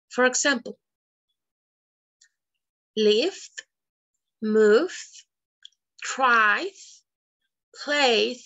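A woman whose first language is Spanish teaches a pre-recorded English lesson. She speaks very slowly and deliberately, drilling single words one after another. Her fairly high voice has a gravelly, creaky edge. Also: fairly bright tone.

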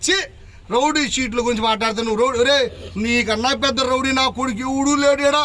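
A man who is a local elected official, furiously shouting insults and challenges at a press conference. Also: very high-pitched, fairly even intonation, fast talker, a little hiss or hum. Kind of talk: angry press conference tirade. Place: press meeting.

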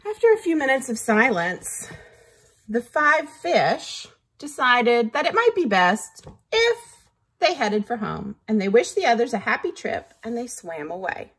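A woman's voice: a little high, big pitch swings, measured pace, slightly rough. A woman reading a picture book aloud like a teacher, patiently stopping to count along.

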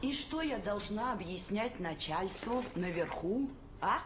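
A woman's voice: medium pitch, lively intonation, measured pace, close to an everyday voice. An actress playing a curt, commanding female police chief in a comedy film. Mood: stern, displeased. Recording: noisy film soundtrack.

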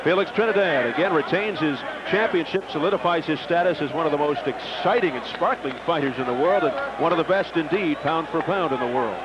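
American guy doing boxing play by play, high voice, dull noisy tv tape. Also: fairly quick, few pauses. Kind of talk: sports commentary. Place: ringside in a boxing arena.

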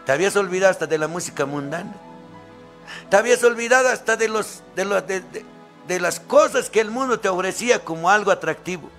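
A man with a Bolivian Spanish accent preaching a sermon. He swings from loud, fervent calls to low, quiet asides and acts out the voices of the people he quotes. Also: lively intonation, fairly quick, faint music behind.

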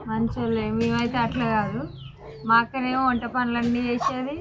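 In her vlog, a Telangana Telugu–speaking mother cooks outdoors over a smoky wood fire in the sunshine, chatting casually and teasing her children. Her fairly high voice holds a level tone at normal speed, with background noise present.

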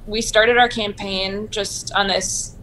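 A woman in her thirties talks brightly about her sailing over a home video call. She is chatty and upbeat and fills pauses with ums. Her voice sits in a middle pitch, with a faint hiss of noise under it. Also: fairly even intonation. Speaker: Olympic sailor, guest. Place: home room, indoors.

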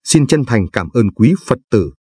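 Husky older man, solemn recitation. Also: mid-range voice, sing-song, mellow. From Vietnam. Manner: slow, solemn, chanting delivery. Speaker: Buddhist lay narrator. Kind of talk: measured scripture and verse recitation.

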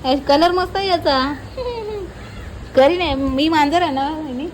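A chatty vlogger from Alibag, Maharashtra, narrates casually outdoors in a coastal fishing village, her voice high and her pace measured. She teases and playfully scolds as she chats. The noisy outdoor audio comes from a handheld phone with headphones.

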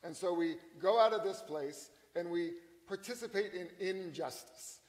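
A male pastor preaching a sermon in a conversational, emphatic way, slowing down on key lines. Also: high-pitched, a little mellow, in a large hall, low-quality recording.

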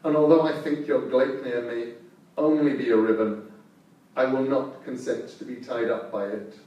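A man's voice: medium pitch, steady tone, moderate pace, dark tone, lo-fi sound, close to an everyday voice. A man voicing a huge, proud male wolf who speaks with growling, suspicious defiance. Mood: defiant. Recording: echoey room, distant mic.

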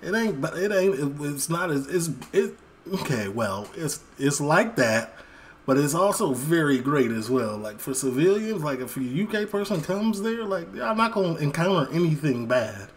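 A man's voice: fairly high pitch, sing-song, moderate pace. Casual American man over street noise. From Chicago, United States. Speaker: reaction video host. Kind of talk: casual reaction commentary. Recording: clear street noise from played video.

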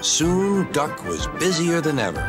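Expressive male storybook narrator. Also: medium pitch, unhurried. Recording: narration over music.

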